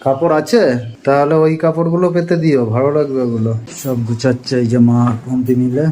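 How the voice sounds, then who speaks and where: A man's voice: medium pitch, fairly even intonation, brisk, mellow, slight background noise. A man, chatting casually with his family at home while filming a vlog and giving a running commentary on the household.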